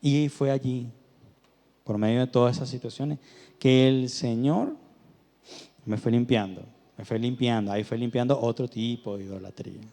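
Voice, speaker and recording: A man's voice: mid-range voice, steady tone, moderate pace, dark tone. Man preaching in a reverberant church. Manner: conversational storytelling with rising emphatic peaks. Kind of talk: sermon.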